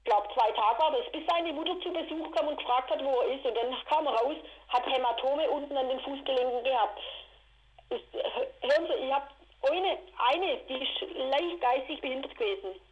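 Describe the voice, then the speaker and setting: Agitated woman, high voice. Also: lo-fi sound. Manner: agitated, indignant, rushed retelling. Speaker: interviewee. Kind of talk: emotional personal account.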